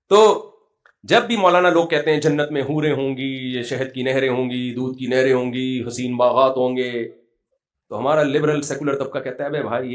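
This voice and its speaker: A middle-aged man giving a conversational sermon, mixing humorous anecdotes with recited Quranic verses. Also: medium pitch. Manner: storytelling, humorous, quotes Quranic verses in Arabic. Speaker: Islamic scholar giving a religious talk.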